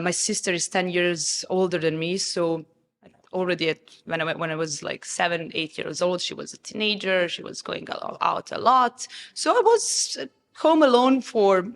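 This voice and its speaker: A woman from Serbia with a Serbian accent, speaking as an interview guest in a calm, thoughtful way, pausing often with ums. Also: fairly low pitch. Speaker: guest, restaurant founder. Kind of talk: reflective interview conversation. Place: restaurant bistro. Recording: roomy reverb in a bistro.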